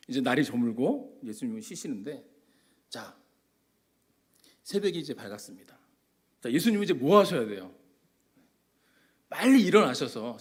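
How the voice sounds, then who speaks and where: A man preaching a Sunday sermon as a guest speaker, telling the story with lively acted-out quotes and sudden drops to a whisper. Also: fairly high pitch. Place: church sanctuary.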